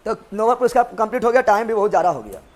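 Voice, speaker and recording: This male exam coach is teaching a revision class live online, cracking jokes and testing students with memory tricks. He's playful and keeps repeating questions to the class. His high-pitched voice races along with big swings in pitch.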